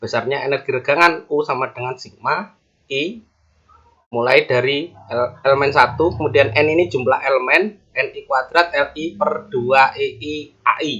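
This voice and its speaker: A male university lecturer explaining engineering formulas step by step, with measured pauses as he reads each formula aloud. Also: mid-range voice, sharp tone, breathy edge, muffled recording. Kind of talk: recorded online lecture.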